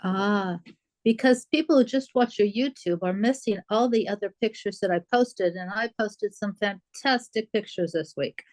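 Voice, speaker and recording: A woman's voice: mid-range voice, moderate pace, darkish tone. A woman from the class chatting with the instructor and making suggestions. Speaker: class member. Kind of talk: casual chat.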